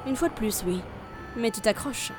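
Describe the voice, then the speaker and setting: A woman's voice: fairly high pitch, normal speed, over music, natural voice. An actress playing a cruel, sardonic seductress who mocks the man she plots to kill. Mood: coldly mocking. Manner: sardonic, coldly mocking. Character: cruel, mocking seductress who wants her lover dead.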